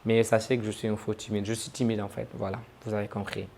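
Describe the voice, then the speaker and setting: A man's voice: fairly low pitch, little pitch movement, fast, vocal fry, darkish tone, a little hiss or hum. Chatty joking man vlogging to camera. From Senegal. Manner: chatty, joking, self-mocking. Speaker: travel vlogger. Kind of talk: casual talk to camera.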